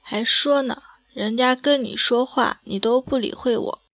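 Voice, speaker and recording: A caring but touchy schoolgirl, voiced by a woman narrator in a storybook tale, speaking plainly and slowly. The voice is bright, with a dull, dry sound. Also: on the high side, fairly even intonation, no room sound. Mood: peeved. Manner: plain, slightly peeved. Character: caring but easily annoyed schoolgirl friend.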